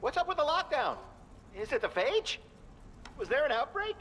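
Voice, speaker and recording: A man's voice: extremely high pitch, very animated, normal speed, pushed and bright, big-room sound, a little hiss or hum, full character voice. An actor voicing a paranoid, irritable man in a video game, agitated and suspicious. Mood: agitated suspicion. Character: paranoid, irritable male tenant fearing infection.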